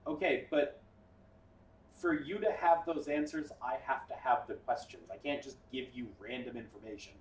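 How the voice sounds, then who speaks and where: A man's voice: mid-range voice, moderate pace, a little hiss or hum. Casual man running a tabletop game. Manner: casual, explanatory, with fillers. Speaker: game master. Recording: echoey room, far from the mic.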